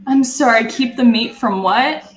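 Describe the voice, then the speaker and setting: Canadian girl cooking and rambling, swears a lot, slow talker, kinda echoey room. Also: a little high, noisy background. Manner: rambling, filler-heavy, swears casually. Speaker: cooking vlogger. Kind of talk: casual chat while cooking. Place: home kitchen.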